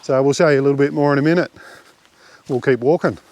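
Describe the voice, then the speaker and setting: A man's voice: mid-range voice, fast talker. Australian man chatting on a bush walk. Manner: relaxed, rambling, many fillers. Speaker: camping vlogger. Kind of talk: casual walking commentary. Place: outdoors on a bush hiking track.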